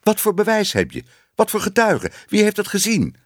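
A man's voice: mid-range voice, wildly swooping pitch, normal speed, slightly rough, no room sound, studio quality, voice pushed up. A man reading a storybook and voicing a nervous, stammering male newspaper editor. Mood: stern.

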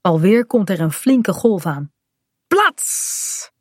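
Woman reading a kids' story aloud, clear and even, dry close mic. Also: mid-range voice, normal speed, dry recording. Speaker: narrator. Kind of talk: children's storybook narration.

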